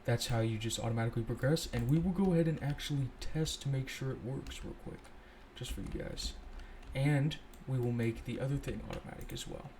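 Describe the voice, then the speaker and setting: Sitting at his computer, a young man records a casual coding walkthrough for a scripting tutorial, thinking out loud in a relaxed way and stopping to correct himself. His voice is at a typical male pitch, with faint noise and keyboard clicks underneath.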